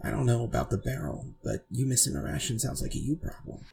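A man voicing a scruffy, guarded girl disguised as a boy, speaking quietly and evasively. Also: medium pitch, quick pace, vocal fry, slight background noise.

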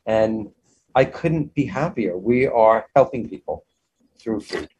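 A man's voice: lowish voice, expressive, slow, darkish tone, a little hiss or hum, rough recording. A man speaking as an interview guest about his own business in an enthusiastic, effusive, conversational way.

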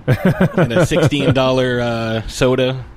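A man's voice: medium pitch, takes it slowly, a little mellow. A man hosting a casual podcast, bantering with co-hosts in a joking, sardonic manner. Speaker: podcast host. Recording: clear background noise.

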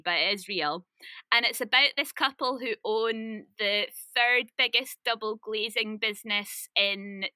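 A woman talks through stories in a loose, chatty way, full of fillers and asides. Her voice is very bright and slightly high, and it sounds dry and close to the mic. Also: no echo. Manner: chatty, animated storytelling with many fillers. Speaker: podcast host. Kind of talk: casual chat.

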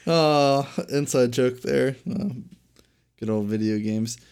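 A young man co-hosting a casual chat podcast, rambling through stories and acting out other people's lines loudly. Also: mid-range voice, takes it slowly, vocal fry, smooth. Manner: rambling storyteller, acts out voices loudly. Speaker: podcast co-host.

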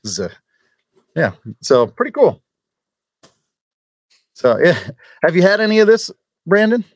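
Lively, jokey man co-hosting. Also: high-pitched, slow pace, no room sound, studio quality. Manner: jokey, laughs often, lively banter. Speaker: podcast co-host. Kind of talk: casual podcast chat.

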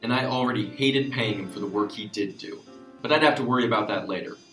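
An actor playing an exasperated, self-important sheriff who narrates a comic noir detective story. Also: male voice, lowish voice, fast talker, fairly bright tone, soft background music, close to an everyday voice. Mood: wry, hard-boiled. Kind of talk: comic hard-boiled noir narration and dialogue. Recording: roomy echo.

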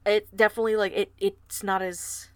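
A woman's voice: mid-range voice, flat delivery, normal speed, no echo. A woman co-hosting a podcast, chatting casually and recapping a book's plot, swearing now and then. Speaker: podcast co-host. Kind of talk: casual book discussion.

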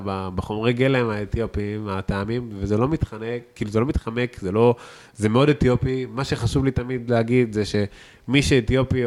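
A man's voice: mid-range voice, darkish tone. A man with an Israeli accent chatting casually as an interview guest, enthusiastic and emphatic, repeating words for stress. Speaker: podcast guest, chef.

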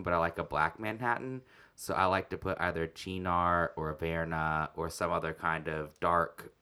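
Very low-voiced blunt sarcastic podcaster. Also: pushed and bright. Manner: blunt, sarcastic, swears freely. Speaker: podcast co-host and bartender. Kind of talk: casual podcast chat.

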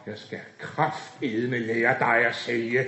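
A man's voice: mid-range voice, flat delivery, bright, forceful tone. A man voicing a cocky, foul-mouthed young male tough who sneers and rattles off insults, in a dull, echoey room recording. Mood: sneering.

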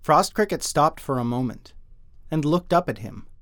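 A man narrating his own written audio story in a measured, dry storytelling manner. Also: a little high, lively intonation, no room sound. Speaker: writer and narrator.

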